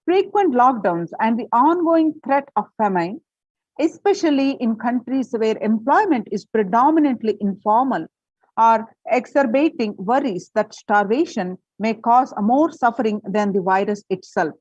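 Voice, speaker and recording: A woman's voice: fairly high pitch, animated, moderate pace, darkish tone, husky, dry recording, highs cut off. A woman presenting and reading a prepared article aloud, with the odd filler and restart.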